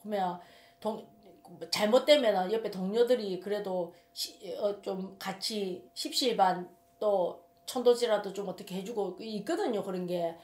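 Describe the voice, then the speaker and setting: Woman shaman, Gyeongsang accent, emphatic rambling storyteller, mid-pitched, recorded with room echo. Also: a little mellow. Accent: Gyeongsang Korean. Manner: emphatic, rambling, repeats words. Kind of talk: casual storytelling monologue. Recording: roomy echo.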